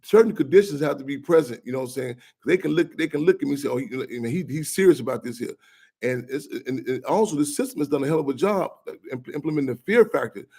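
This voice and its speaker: A man speaking as an activist guest on a radio talk show, passionate and quick, often repeating and restarting his phrases. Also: fairly high pitch, lively intonation, vocal fry, a little mellow.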